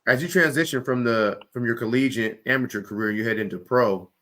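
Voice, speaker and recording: Bright-toned man asking questions. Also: medium pitch, brisk. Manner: brief prompts and back-channel replies. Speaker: podcast host. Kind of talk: interview questions.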